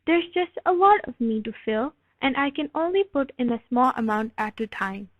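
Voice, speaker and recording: A woman's voice: high voice, animated, normal speed, no echo. Woman playing a protesting storybook elephant, phone-like sound. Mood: grumbling, defensive. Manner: grumbling, protesting. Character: big male elephant, grumbling and defensive storybook animal. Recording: phone-like thin band, dry.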